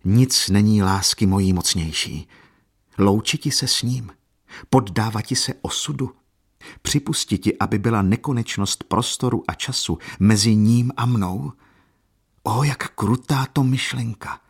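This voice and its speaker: A man's voice: fairly low pitch, husky. A man voicing a passionate young woman who speaks with impassioned defiance. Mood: defiant.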